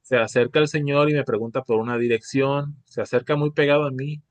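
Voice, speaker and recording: A man shares his own story at a support group meeting in a reflective, halting way, often pausing with fillers. His voice sits at a middling pitch, and the recording is dry, with no room echo. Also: steady tone. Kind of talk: personal testimony at a support meeting.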